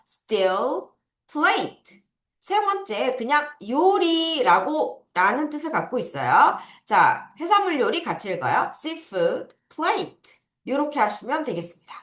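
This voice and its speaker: A woman English teacher giving an online vocabulary lesson for children, drilling words slowly and having students repeat after her. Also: sits high, fairly bright tone. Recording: echoey room.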